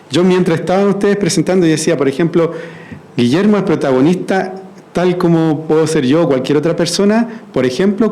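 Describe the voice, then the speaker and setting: Man, facilitator, slightly high but mellow voice, coaxing audience in a workshop. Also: rough recording. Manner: coaxing, prompting the audience with frequent "¿cierto?". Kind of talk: leading a group verse-writing activity. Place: event hall at a university launch.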